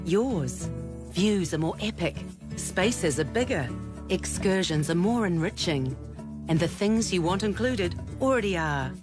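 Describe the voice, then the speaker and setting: Lowish smooth woman travel ad voice-over. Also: lively intonation, a little slow, over music.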